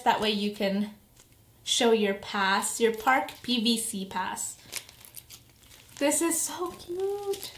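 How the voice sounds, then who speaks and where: Female unboxing host, higher-pitched, excited fan gushing casually to viewers, recorded in an echoey room. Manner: excited, gushing fan, drawn-out emphasis and delighted exclamations. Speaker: vlog host. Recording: echoey room, some background noise.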